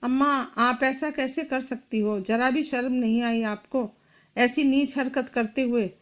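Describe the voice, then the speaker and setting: A woman voicing a furious, grieving young husband in a storybook. He shouts and makes accusations. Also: high voice, measured pace. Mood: angry.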